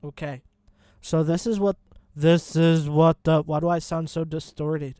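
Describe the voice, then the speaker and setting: A man's voice: a little high, flat delivery, a little slow, dark tone, clean tone, no room sound, studio quality. Man's voice crushed into fuzzy distortion. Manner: joking, swearing, rambling asides. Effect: bit-crushed fuzz distortion on the voice. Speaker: music production tutorial host. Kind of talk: casual screen-recorded tutorial.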